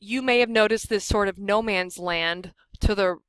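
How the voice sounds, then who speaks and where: An American woman instructs a workshop at a medium pitch. She explains software in an informal, conversational manner. The sound is dry, with very little room in it. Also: normal speed, clean tone, no room sound. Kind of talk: informal software tutorial for a live group.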